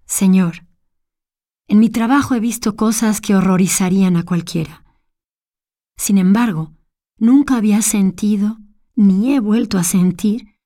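A woman narrating a story in a measured, slow and unhurried way, hushing her voice at tense moments. Her tone is soft and mellow. The sound is close and dry. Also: medium pitch, no echo. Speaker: reader. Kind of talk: scripted narration.

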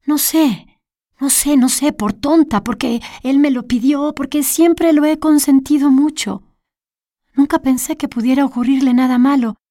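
A fretful, remorseful lady, as a woman reader puts her on, repeating herself in a higher, anxious storybook voice. The delivery is slow and mellow, heard close and dry with no room around it. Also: no echo. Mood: distressed. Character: flustered middle-aged lady, remorseful. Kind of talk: storybook reading.

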